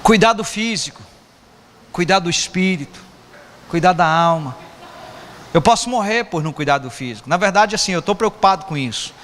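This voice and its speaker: Lively high-voiced Brazilian pastor, echoing hall. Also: male voice, moderate pace, long pauses. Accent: Brazilian Portuguese. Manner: joking, chatty, teasing the congregation. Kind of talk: informal sermon. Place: church hall. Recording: echoey church hall, faint noise.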